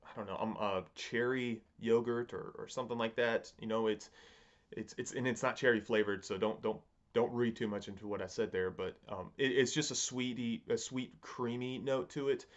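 A man in his thirties giving a casual, unscripted review in a halting, musing way, often rephrasing himself, recorded at a desk in a home study. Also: medium pitch, fairly even intonation, dull audio. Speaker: pipe tobacco reviewer.

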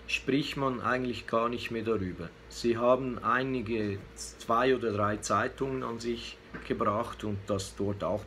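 Speaking off the cuff about politics for his weekly news vlog, a man in his fifties hesitates and gropes for words. His voice is medium-pitched and fairly bright, with clear background noise and room ambience.

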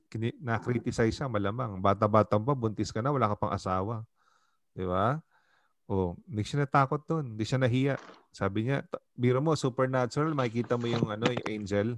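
A Filipino man, a pastor, leads a Bible study in a conversational way, mixing in English and asking "di ba?" often. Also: fairly low pitch. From Philippines.

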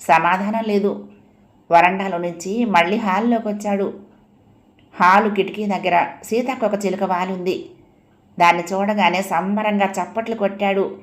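A woman reading a story aloud in a gentle, unhurried storytelling manner. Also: mid-range voice, fairly even intonation. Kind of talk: audiobook story narration.

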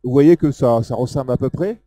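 A man with a Southern French accent giving a casual live software demo, talking loosely with many fillers as he points things out on screen. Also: mid-range voice, brisk, dry recording. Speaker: software presenter. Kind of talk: live technical demo talk.

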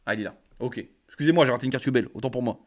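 A young man reading card effects aloud and reacting in relaxed slangy chat as a card game content creator. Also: mid-range voice, very fast. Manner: reads card text then comments casually with slang. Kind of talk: casual card review reading.

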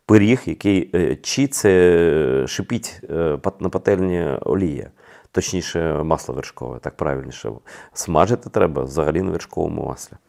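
A man with a very low, gravelly voice hosts his own video channel. He talks straight to viewers in emphatic commentary, firing rhetorical questions and often stopping to hesitate. The effect is a blunt, plain-spoken monologue. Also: darkish tone.

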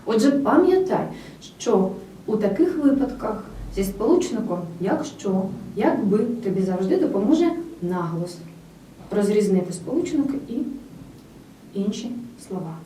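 A woman giving a scripted grammar lesson, speaking clearly and with emphasis straight to the student. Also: medium pitch, big pitch swings, normal speed, mellow. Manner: clear, emphatic teacher's delivery addressing the student directly. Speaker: language teacher. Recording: roomy, slightly distant with faint noise.

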